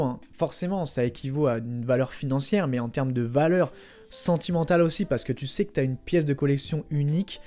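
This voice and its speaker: This young man, a trading card collector and channel host, has a dark-toned voice of medium pitch. He presents a casual explainer vlog, playfully addressing viewers directly and tossing in vocal sound effects.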